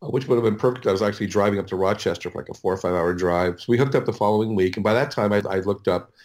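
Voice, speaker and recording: Low-ish and darkish in tone, the voice belongs to a middle-aged American man who produces audiobooks. Interviewed on a podcast, he rambles through anecdotes in a halting manner, repeatedly correcting himself.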